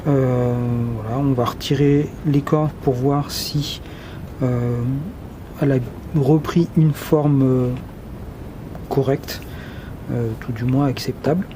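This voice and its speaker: A DIY tutorial host explaining a workshop task step by step in a relaxed, casual way, pausing often with fillers. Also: mid-range voice, noisy background. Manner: relaxed, hesitant, many filler pauses.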